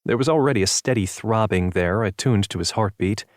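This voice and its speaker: Guy reading an audiobook, low and steady, dry sound. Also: brisk, no echo. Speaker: audiobook narrator. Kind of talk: scripted narration.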